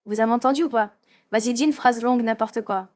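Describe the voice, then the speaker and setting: A woman's voice: a little high, fast talker, darkish tone. A woman in her twenties chatting casually on a livestream, playfully echoing lines back and forth. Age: 20s.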